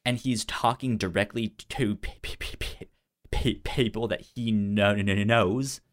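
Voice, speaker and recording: A man co-hosts a film podcast in casual conversation, his voice on the low side and steady. He speaks haltingly and stutters, repeating sounds and words.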